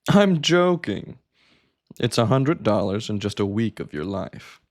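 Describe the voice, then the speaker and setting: An actor playing a charming, teasing doctor who appears as a fantasy boyfriend, with a warm, playful and grumbly manner. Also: male voice, fairly low pitch, sing-song, unhurried, no room sound, clean studio sound. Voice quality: grumbly, gravelly. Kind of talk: short film drama.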